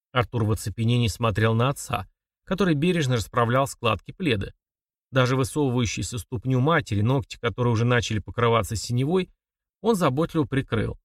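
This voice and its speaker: Brief: male audiobook narrator, measured thriller reading, mid pitch, dry close sound. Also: dry recording, recorded from a distance. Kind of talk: scripted narration.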